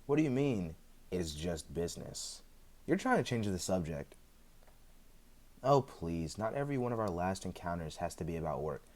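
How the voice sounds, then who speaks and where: A man acts out a very deep-voiced immortal, freshly back from death, in one side of an ASMR roleplay audio drama. The character is chatty, sheepish and evasive, speaking conversationally with hesitation, frequent chuckles and dry humor. The delivery is very animated at normal speed with a darkish tone, and the mood is wistful and teasing.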